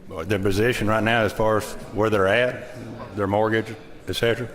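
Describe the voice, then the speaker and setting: A man with a Southern US accent questioning a bill as a state senator, in halting, folksy phrases. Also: fairly low pitch, level tone. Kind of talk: informal legislative debate. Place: large legislative chamber. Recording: long echoing hall reverb.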